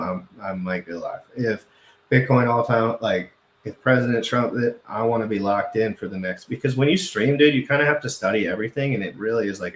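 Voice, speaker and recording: A man's voice: lowish voice, fairly bright tone, reverberant, slight background noise. A man hosting a casual crypto livestream, rambling and correcting himself, often repeating phrases for emphasis.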